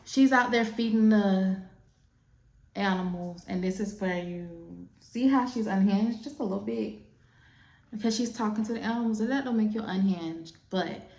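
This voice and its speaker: Sassy woman, casual storyteller, mid-pitched, roomy echo. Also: a little mellow. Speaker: makeup artist. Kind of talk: casual chat while doing makeup.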